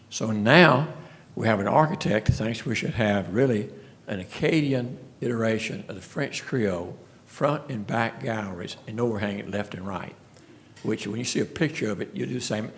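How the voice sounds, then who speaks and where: Man at a town meeting, gravelly, folksy storyteller. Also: fairly low pitch, moderate pace, slight background noise. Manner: folksy storytelling, frequent restarts. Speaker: speaker at a city commission meeting. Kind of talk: casual presentation.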